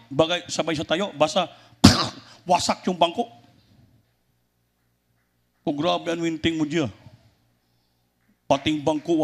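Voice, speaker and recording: A man preaching a sermon with a Filipino accent, animated, jumping into loud voices when he acts out stories. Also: mid-range voice.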